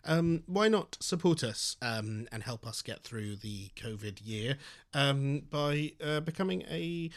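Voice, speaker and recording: A man's voice: mid-range voice, animated, takes it slowly. Rambling, hesitant male podcast co-host. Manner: rambling, hesitant, with many fillers. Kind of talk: casual chat.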